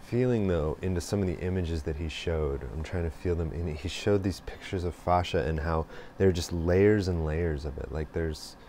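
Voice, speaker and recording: Low-voiced guy thinking out loud, slow and rambling, lots of ums, bit of hiss behind. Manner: slow and meandering, with many pauses and fillers. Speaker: host. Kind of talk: reflective spoken monologue.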